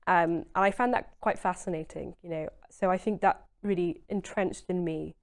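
This Essex woman in her twenties has a fairly low voice with vocal fry and talks at a normal pace. As an interview guest in a conversational setting, she's earnest and emphatic, with frequent "you know"s.

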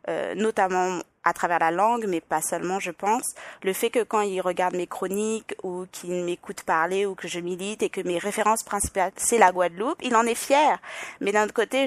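A woman's voice: mid-range voice, no echo. Thoughtful woman speaking close and dry. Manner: thoughtful, hesitant, with fillers. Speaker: podcast guest. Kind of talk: reflective interview talk.

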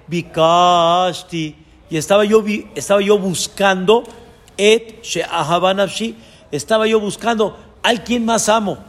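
A man preaches a scripture lesson in a fairly high voice. He teaches in an earnest tone and drops Hebrew terms into his explanations. His voice carries a long, ringing reverb. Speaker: rabbi.

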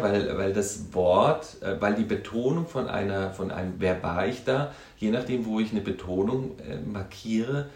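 A man who works as a counselor and music therapist, talking in a thoughtful, halting way with many tag questions. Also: fairly low pitch, a little mellow, reverberant. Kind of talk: reflective conversational talk.

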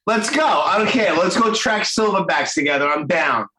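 A man's voice: high-pitched, animated, normal speed, pushed and bright, roomy sound, poor audio. A man with a Brooklyn accent hosting a podcast interview, chatty and enthusiastic in casual talk. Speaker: podcast host.

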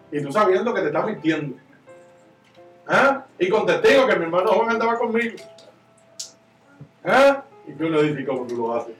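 Impassioned high-voiced preacher in an echoey church. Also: male voice, recorded from a distance. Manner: impassioned, swings from loud to hushed. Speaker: pastor. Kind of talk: sermon. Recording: echoey church room, miked from afar, soft guitar behind.

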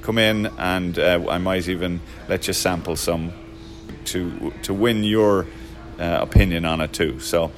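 A man's voice: low voice, fairly even intonation, unhurried, soft background music. A man running a pub, talking in a casual interview with many fillers and jokes. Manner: hesitant, many fillers, jokey. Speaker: Irish pub owner.

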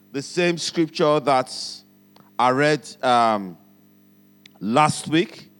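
High-voiced Nigerian pastor preaching. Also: male voice. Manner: preaching with call-and-response prompts to the congregation; repeats phrases for emphasis. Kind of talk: sermon.

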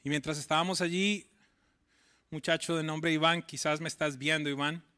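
Male pastor, sermon delivery, high bright tone, pleading questions, quick storytelling. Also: steady tone, clean tone. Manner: preaching with rising, pleading questions; tells stories in a quick conversational voice.

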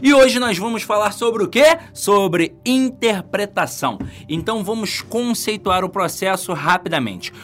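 A man with a Brazilian accent teaching an exam-prep lesson in a casual, joking way, asking himself questions as he goes. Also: high voice. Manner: lively, joking, asks himself rhetorical questions.

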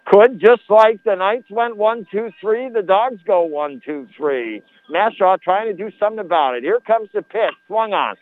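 A man calling a live high school baseball game on radio, with a folksy, colourful turn of phrase. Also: expressive, normal speed, few pauses, poor audio. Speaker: baseball play-by-play announcer. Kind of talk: live radio sports commentary. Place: broadcast booth at ball game.

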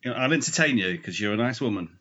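A man plays a boozy, bumbling lecturer who rambles, dodges and answers bluntly. His mid-pitched voice rises and falls a great deal, and the recording sounds dull and muffled. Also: animated, fast talker, bright, forceful tone. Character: drunk, bumbling older male university lecturer. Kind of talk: improvised comedy sketch.

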